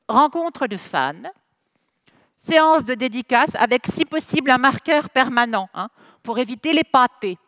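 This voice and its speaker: Here the festival's opening-ceremony host, a Frenchwoman, banters in two languages before an audience on stage. Her slightly high voice has a fairly bright tone, caught in a dry recording, and her playful teasing comes out slow and deliberate.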